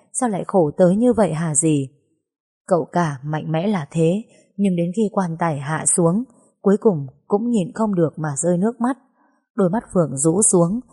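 A woman reading a first-person story aloud in a sorrowful, measured way. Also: fairly low pitch, mellow, slightly rough. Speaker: narrator.

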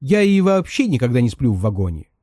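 A man voicing a nervous, sharp-nosed woman traveller who speaks in a high, shrill, insistent way. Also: big pitch swings, a little fast, dry recording, clean studio sound. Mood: evasive.

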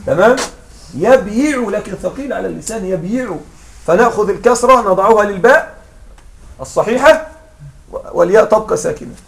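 A man's voice: high voice, lively intonation, fast talker, creaky, pauses often, far from the mic. A man teaching an Arabic grammar lesson, patiently explaining step by step and checking that students follow. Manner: patient, checks understanding with repeated questions. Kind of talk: classroom lesson.

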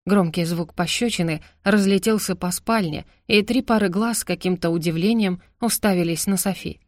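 A woman narrating a novel as an audiobook in a steady, expressive storytelling manner. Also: medium pitch, no room sound, clean studio sound.

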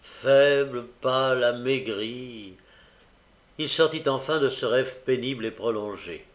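A male narrator reading a classic novel aloud at a measured pace. His delivery is expressive, with a middle-pitched voice and the odd slip. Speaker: audiobook narrator. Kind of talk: literary audiobook narration.

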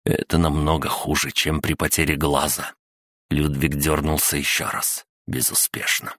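A man reading a grim fantasy audiobook in a measured, scripted narration. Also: very deep voice, little pitch movement, fairly bright tone, dry recording, clean studio sound.

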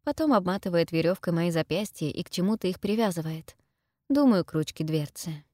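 A young adult woman narrating a first-person story as an audiobook reader, in a steady, measured way. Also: on the low side, no echo, studio quality.

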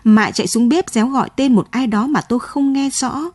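Husky woman narrating a late-night radio story. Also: on the high side, a little mellow, no echo. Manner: slow, sorrowful reading.

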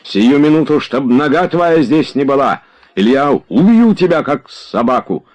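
Enraged gentleman, read by a man in an audiobook; commanding, raised voice. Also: mid-range voice, animated, moderate pace, dull audio, pitched above the performer's own voice, lightly acted. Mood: furious. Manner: commanding, furious. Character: indignant gentleman, pale and trembling with rage.

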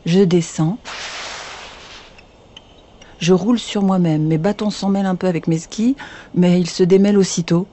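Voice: medium pitch, fairly even intonation, normal speed, pauses often, dark tone. A reader telling a children's bedtime story in the first person as a child, with confiding asides to the listener.

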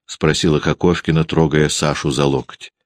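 A man narrating a literary novel as an audiobook, measured and expressive. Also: rumbling low, dry recording.

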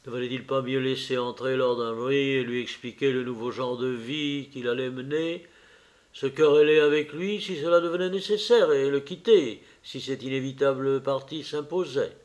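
A man narrating a classic novel as an audiobook, reading in a measured, expressive way. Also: medium pitch. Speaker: audiobook reader.

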